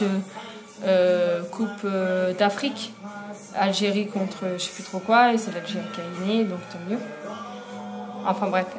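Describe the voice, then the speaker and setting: A young woman telling a story in a casual vlog, chatty, with many fillers and frequent laughs. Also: mid-range voice. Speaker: vlogger.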